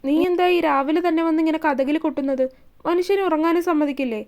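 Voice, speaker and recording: A woman's voice: high-pitched, fast, a little mellow, close to an everyday voice. A woman voicing a brusque young man who scolds and protects the girl he cares for, reading a romance story aloud. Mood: firm. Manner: curt, scolding.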